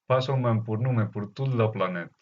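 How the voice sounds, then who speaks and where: Halting low-voiced man, foreign Spanish-Catalan accent. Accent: Spanish or Catalan accent in French. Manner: halting, searching for words in non-native French. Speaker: spiritual teacher. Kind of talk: unscripted spiritual message to camera. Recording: dull, lo-fi muffled sound.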